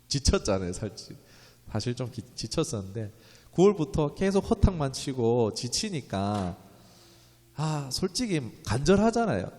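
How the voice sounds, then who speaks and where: A man's voice: medium pitch, darkish tone. A man pastor giving a conversational Friday evening sermon, telling stories and acting out quotes in a raised voice. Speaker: pastor of a small new church. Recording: reverberant church hall.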